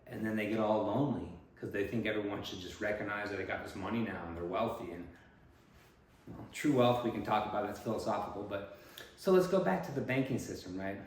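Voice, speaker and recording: A man's voice: on the low side, fairly quick, a little hiss or hum. A man, a political candidate, musing in a rambling, digressive monologue with frequent "right?" checks. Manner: digressive, musing, tag questions. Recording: echoey room.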